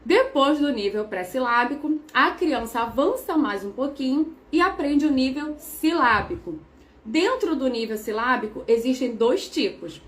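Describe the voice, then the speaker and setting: A woman's voice: high voice, expressive, unhurried. Brazilian woman teacher, patient and methodical. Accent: Brazilian Portuguese. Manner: patient, methodical, repeats key terms. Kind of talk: explanatory teaching talk.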